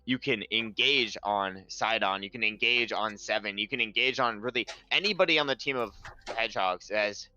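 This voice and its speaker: A man's voice: lowish voice, moderate pace, bright, forceful tone, muffled recording. A man casting a live esports match, talking fluently and building energy as he calls the picks. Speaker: esports caster.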